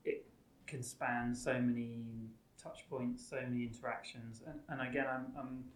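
A man's voice: flat delivery, a little slow. A man answering as a podcast guest, conversational and thoughtful, tentatively searching for his words. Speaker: podcast guest, company co-founder. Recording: echoey room with rumbling background noise.

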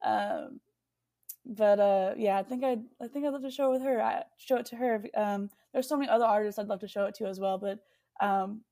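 A woman's voice: medium pitch, fairly quick, mellow. A young woman from the United States, a singer-songwriter guest chatting casually in an interview, full of fillers and restarts.

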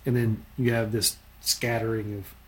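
A man's voice: on the low side, flat delivery, moderate pace. A man in casual conversation, recalling things in a rambling, unsure way with many fillers.

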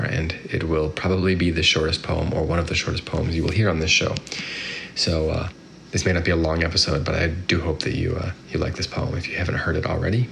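Very deep-voiced man hosting a poetry podcast. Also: vocal fry, a bit bright. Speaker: podcast host. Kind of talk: poetry podcast talk with readings. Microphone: iPhone. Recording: hollow phone recording, faint background noise.

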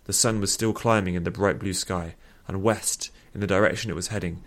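A man narrating a fiction story aloud in a steady storytelling manner. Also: sits low, fairly quick.

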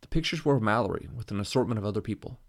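A man reading a first-person novel aloud in a measured, even narration. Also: lowish voice. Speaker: audiobook narrator.

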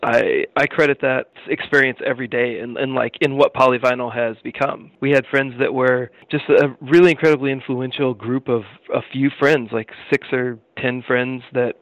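Creaky-voiced American man, halting and reflective. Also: medium pitch, fairly even intonation, dry recording, rough recording. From Illinois, United States. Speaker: interview guest, record label co-founder. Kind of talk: casual interview talk.

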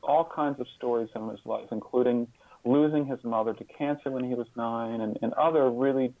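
A fifty-year-old man appears as an interview guest, sounding reflective and earnest, frequently halting and repeating words while he thinks. His medium-pitched voice stays steady, and the audio is narrow and tinny with no echo.

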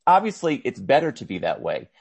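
A man hosting an interview podcast, asking questions in a quick, conversational way with restarts. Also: mid-range voice, wildly swooping pitch, vocal fry, a little mellow, slightly rough. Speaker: podcast host. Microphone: video call.

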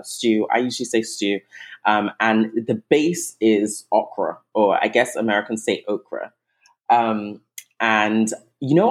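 A woman raised in England, a guest eating coach, talking in a chatty, warm podcast conversation with frequent ums and restarts. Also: extremely low pitch. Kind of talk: casual podcast chat.

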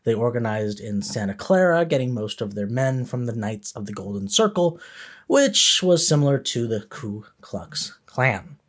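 A man's voice: medium pitch, very animated, moderate pace. A man hosting a podcast, narrating a history story with the occasional filler word. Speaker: podcast host.

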